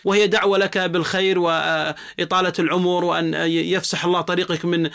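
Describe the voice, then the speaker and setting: A man teaching a religious lecture in an earnest, didactic way, with frequent drawn-out "aah" fillers between phrases. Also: high-pitched, flat delivery, creaky, fairly bright tone.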